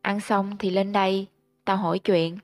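A woman narrator voicing a stern rural father who scolds his son, with a gruff, scolding delivery in a storybook reading. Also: mid-range voice, level tone, measured pace, no echo, faint music behind, lightly acted.

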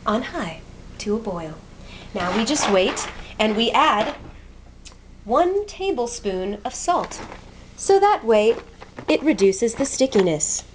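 The narration is a playful how-to from a young adult woman cooking in a small home kitchen: chatty, jokey and self-mocking as she moves around. Her voice is fairly high, slow, pauses often and swings widely in pitch. It's recorded on a handheld camera, its mic moving, with noisy audio.

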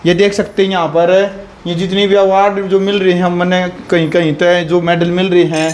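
A man's voice: sits high, little pitch movement, normal speed, a little mellow, a little hiss or hum. A young man with a Haryanvi accent, chatting casually as he gives a house tour in a rural home, laughing often. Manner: chatty, laughs often, points things out to camera. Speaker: vlogger giving a house tour. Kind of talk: casual vlog chat. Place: rural house and courtyard, outdoors and indoors. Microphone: handheld phone mic.

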